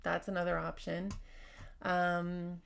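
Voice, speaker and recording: A woman hosting a casual advice podcast, talking fast and candidly while she reads out workplace stories and comments. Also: on the low side, completely flat delivery, vocal fry, smooth. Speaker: podcast host.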